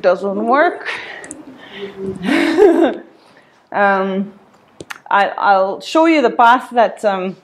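Hesitant Swiss woman giving a seminar talk. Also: mid-range voice. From Switzerland. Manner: many fillers, hesitant, laughs often. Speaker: seminar speaker. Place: seminar room, indoors. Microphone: far camera.

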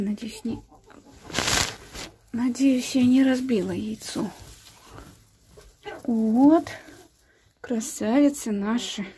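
A woman with a fairly high voice talks slowly while vlogging outdoors in her garden and chicken yard. She takes her time, hunts for words, and coos fondly at her hens. Soft clucking and faint noise sit behind her on a handheld camera. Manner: unhurried, searching for words with many fillers; cooing affectionately to her hens. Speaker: village vlogger. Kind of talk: casual walk-and-talk vlog.

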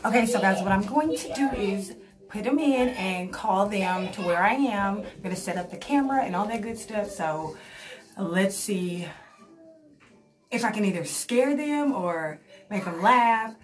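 A woman's voice: mid-range voice, animated, unhurried, recorded from a distance. A young woman chatting casually and playfully to camera in a small room at home. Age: young adult. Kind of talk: casual playful vlog chat. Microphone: camera set a few feet away. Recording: echoey room, off-mic, faint noise.

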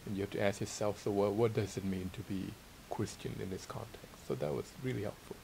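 Sitting in armchairs in a small library room, the interviewee, a middle-aged theology teacher and author from Thailand, talks casually but hesitantly, modestly hunting for words. His voice is on the low side, fairly quick and creaky, and the rough recording carries constant hiss and room noise.

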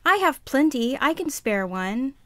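A woman voicing a kind, timid little girl in a children's puppet show, sweet and deliberate. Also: sits high, very animated, fairly bright tone, a little hiss or hum, full character voice.

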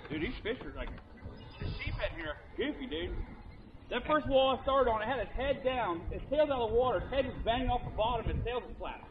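A man's voice: extremely high pitch, animated, brisk, background noise. Laid-back young man saying "dude" constantly. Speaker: fishing vlogger. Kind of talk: casual banter while fishing. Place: outdoors on a bass boat on a lake. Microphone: boat-mounted action camera. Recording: muffled outdoor camera audio.

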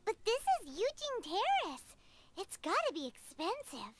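Squeaky, tiny fairy sidekick. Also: female voice, sing-song, moderate pace, noisy background. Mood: curious. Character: tiny childlike floating fairy sidekick, chirpy and indignant. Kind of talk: anime-style video game character acting. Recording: game music under the voice.

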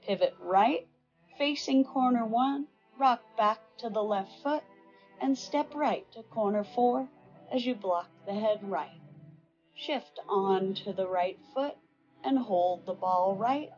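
An older woman instructor calling out tai chi movements in serene, measured short phrases. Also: mid-range voice, a little mellow, dull audio, soft background music.

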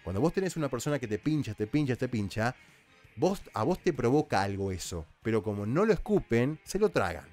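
A man's voice: mid-range voice, sing-song, fairly quick, a little mellow. Argentine guy breaking down a reality show, casual and chatty, bit of music in the background. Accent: Argentine Spanish. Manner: chatty, explanatory, with frequent restarts. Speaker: reality show recap commentator. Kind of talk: casual commentary.

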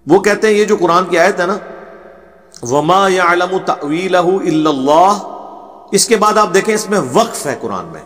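Male religious lecturer, high voice, long hall reverb, recites then explains. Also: fairly bright tone. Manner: recites Arabic verses slowly, then explains them in conversational Urdu; argumentative, tells anecdotes. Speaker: religious scholar.

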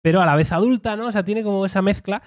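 A man's voice: high voice, fast talker. A man from Spain co-hosting a casual tech podcast, chatty and rambling with filler words. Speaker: podcast co-host. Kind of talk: casual chat.

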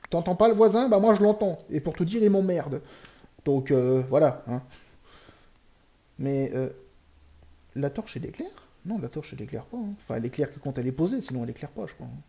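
A young man commentating a live Minecraft game, joking and swearing, shouting in panic and then muttering to himself. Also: on the high side, expressive, brisk, vocal fry. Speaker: gaming streamer.

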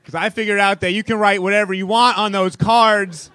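A man's voice: high-pitched, little pitch movement, a little fast, sharp tone, smooth, dry recording, a faint crowd. A young man telling a funny personal story on stage to a live audience, casual and wry. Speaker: storyteller comedian. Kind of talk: stand-up storytelling.

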